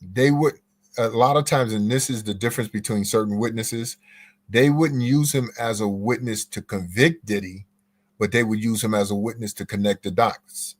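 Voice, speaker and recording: Low-voiced guy breaking things down on a podcast, measured, repeats himself to make a point. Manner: measured, explains step by step, repeats phrases for emphasis. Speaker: guest legal commentator. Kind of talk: podcast interview answers.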